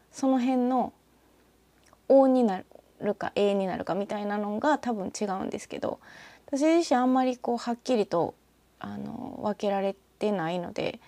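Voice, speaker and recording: A woman from northern Osaka with a Kansai accent, talking alone in a rambling, reflective way and often trailing off into soft asides. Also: medium pitch, vocal fry, no room sound. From northern Osaka, Japan. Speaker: podcaster. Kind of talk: casual solo talk with a short reading.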